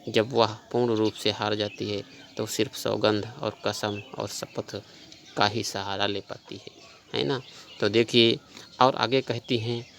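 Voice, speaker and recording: A man's voice: fairly low pitch, creaky, fairly bright tone, slight background noise. A man teaching a class, explaining a poem line by line and patiently restating each verse in plain words.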